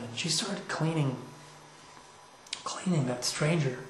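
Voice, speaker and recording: Male storyteller, relaxed and chatty with lots of asides; roomy echoey room. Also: mid-range voice, slight background noise. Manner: loose and conversational, with frequent "you know" and "like" asides. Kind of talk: casual spoken storytelling.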